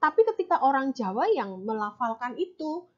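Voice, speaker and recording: A woman teacher with a high voice walks her students patiently through a lesson, step by step. She keeps checking in with little tag questions as she explains. The recording sounds dull and lo-fi. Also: very animated, normal speed, a little mellow.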